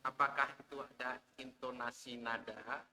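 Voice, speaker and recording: A man's voice: mid-range voice, level tone, moderate pace, sharp tone, long reverb tail. A man with an Indonesian accent, a student politely asking his teacher questions in class. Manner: polite, inquisitive.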